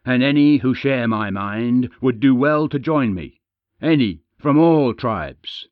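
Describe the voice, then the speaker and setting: A man's voice: lively intonation, slow, no echo, phone-quality sound. A man doing a snarling, furious warrior. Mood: vehement. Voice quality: deep, snarling. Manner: loud, impassioned, rising to shouts.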